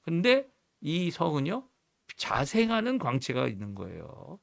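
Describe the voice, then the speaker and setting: Guy preaching a morning sermon, raspy-gravelly, pitch jumps around a lot. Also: huge pitch swings, a little slow. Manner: earnest teaching tone, rising emphasis, frequent restarts. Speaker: pastor. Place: church, morning prayer livestream.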